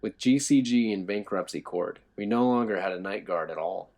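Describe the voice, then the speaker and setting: Guy reading a creepy story, low tense voice, kinda gravelly. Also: moderate pace, a little mellow. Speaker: narrator. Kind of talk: scripted horror story narration.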